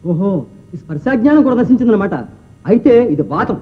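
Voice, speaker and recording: Comic royal doctor, fussy, high husky voice, thin vintage audio. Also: male voice, lively intonation, a little fast, phone-quality sound. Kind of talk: 1960s film acting. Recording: phone-thin old film soundtrack.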